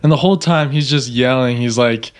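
A man's voice: medium pitch, brisk, clear, resonant tone. A man co-hosting a casual movie review podcast, teasing the characters and mock-quoting their lines. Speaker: podcast co-host.

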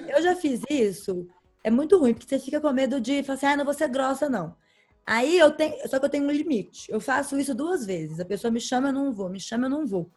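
A woman's voice: high voice, lively intonation, fast, darkish tone, faint music behind. A woman talking frankly and emphatically in a casual group chat.

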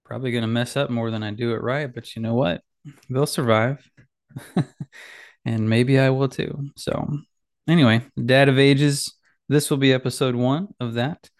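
A podcast host rambles through a casual solo chat from his small home office, using a boom mic and headphones. His gravelly, slightly nasal voice is medium-pitched with fairly even intonation at normal speed, and he's self-deprecating, full of fillers and restarts.

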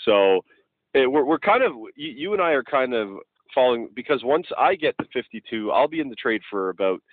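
A man's voice: medium pitch, expressive, a little fast, no echo. A man about forty hosting a podcast, chummy and hesitant with many restarts. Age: 30s. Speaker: podcast host. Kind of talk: casual podcast chat. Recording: dry, tinny phone-like sound.

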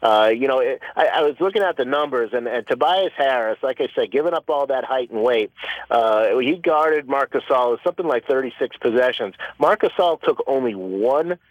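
A basketball writer calling in by phone to a sports radio show, breaking down playoff matchups in a halting way full of fillers and restarts. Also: male voice, medium pitch, lively intonation, no echo. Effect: over the phone. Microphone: telephone. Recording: dull lo-fi phone line.

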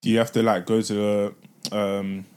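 A man's voice: on the low side, level tone, moderate pace, a little mellow, clean tone. A young man chatting casually as a podcast panellist, informal and full of questions. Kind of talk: casual chat.

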